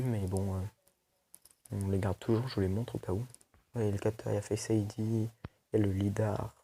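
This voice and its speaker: A man's voice: fairly low pitch, darkish tone, slight background noise. A young man casually reviewing a tablet for his video channel, chatty and loose, full of fillers and restarts. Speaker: tech video host.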